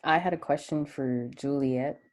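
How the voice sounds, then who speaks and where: A woman's voice: low-pitched, moderate pace, a little mellow. A woman from Jamaica asking questions in a hesitant, casual way during a video call.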